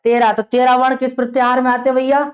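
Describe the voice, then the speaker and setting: Fairly high woman teacher drilling class. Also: flat delivery, quick pace. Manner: drills the class with repeated questions; explains step by step, checks understanding often. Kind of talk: classroom lecture. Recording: dull lo-fi classroom recording.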